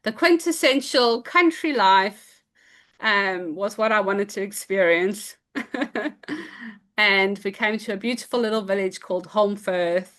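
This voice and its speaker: A woman's voice: mid-range voice, measured pace, a bit bright. South African woman chatting casually. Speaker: host. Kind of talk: casual chat.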